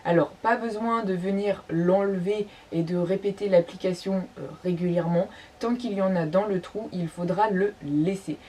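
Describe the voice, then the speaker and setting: A woman's voice: mid-range voice, steady tone, normal speed, hardly any pauses, dark tone. A woman presenting shop products in a casual vlog, speaking with many fillers and restarts. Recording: slightly distant mic, faint background noise.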